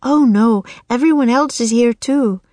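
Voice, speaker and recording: A woman's voice: fairly high pitch, measured pace, darkish tone, no room sound, voice pushed up, lightly acted. A woman voicing a cheerful young girl who is a castle daughter, telling her tale eagerly.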